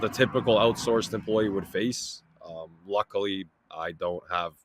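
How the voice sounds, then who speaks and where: A young man, a guest talking in an easygoing, relaxed way with many fillers. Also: on the low side, unhurried, background noise. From Toronto, Canada. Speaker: guest, freight broker. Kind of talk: casual interview chat.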